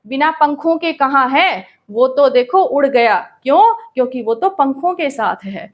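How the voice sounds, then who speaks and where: A woman teacher explaining a grammar lesson patiently, often checking in with the class and reading verse lines slowly. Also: high-pitched, lively intonation. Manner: calls students "बेटा".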